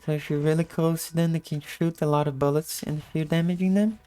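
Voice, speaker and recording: A woman with a low-energy, just-woke-up morning voice giving a casual gameplay tutorial in commentary style. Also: fairly even intonation, fast, mellow, faint music behind. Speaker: video game guide narrator.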